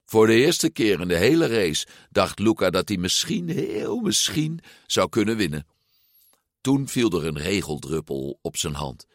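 A man reading a children's storybook aloud as narrator, expressive and acting out the figures. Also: low-pitched, normal speed, no echo, clean studio sound. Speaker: audiobook narrator.

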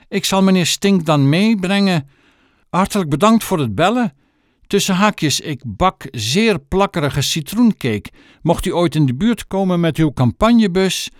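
A vain, pompous mother with an affected, posh manner , voiced by a man reading aloud. She speaks well above a normal register, her pitch swooping eagerly. The dry, close sound keeps every fussy syllable plain. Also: no echo. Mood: flustered. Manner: snobbish, affected phone voice.

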